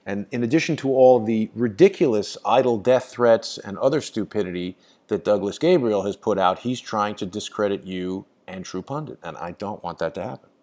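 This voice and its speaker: A man with a lowish, slightly mellow voice hosts a casual phone call, speaking at a normal pace with almost no pauses. He is insistent and keeps repeating his points.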